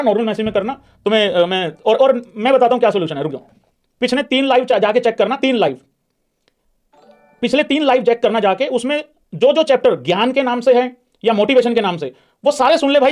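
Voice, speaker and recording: A man hosting a cricket livestream, ranting bluntly and mockingly while answering viewers' super chats. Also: very high voice. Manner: heated, mocking and blunt, addresses viewers as brothers. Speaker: live-stream cricket host reading super chats. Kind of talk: casual live-stream rant and chat replies.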